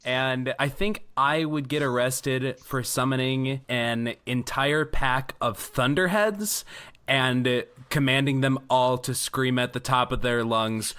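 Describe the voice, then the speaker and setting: A man hosting a podcast, easygoing and conversational. He keeps the discussion moving and hands questions to his guests. His voice sits at an ordinary middle pitch. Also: slow, smooth. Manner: relaxed, guiding the discussion with questions. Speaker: podcast host. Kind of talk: casual podcast chat.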